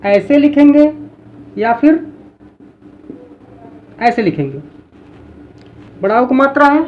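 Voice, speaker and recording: A woman teacher explaining a lesson in a classroom style, repeating example words slowly to drill them. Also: high-pitched, lo-fi sound, a little hiss or hum.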